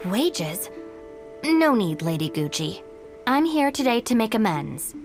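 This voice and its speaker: A woman's voice: fairly high pitch, very animated, a little slow, soft background music. A woman voicing a cool, practical young woman in a video game, with a dry, businesslike, matter-of-fact delivery. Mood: polite, firm. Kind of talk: English game voice acting.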